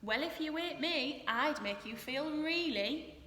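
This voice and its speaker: Woman voicing a bright, high, plucky little storybook mouse. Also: lively intonation, measured pace, exaggerated voice. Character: small, plucky, bossy female mouse, keen and chatty. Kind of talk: children's storybook read-aloud. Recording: echoey room with noise.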